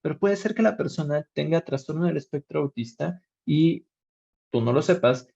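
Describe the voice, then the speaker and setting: A man's voice: on the high side, creaky, warm tone, no echo. A man with a Mexican accent giving a webinar lecture, explaining step by step and rephrasing with fillers and asides. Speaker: workshop lecturer. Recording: dull lo-fi webinar audio.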